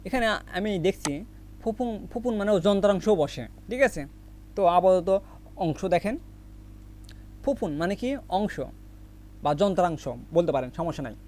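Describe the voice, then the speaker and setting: In a recorded vocabulary lesson with memory tricks, a Korean language teacher drills each word by asking what it means and answering himself, again and again. His high voice is animated with a darkish tone, moving at a measured pace with long pauses.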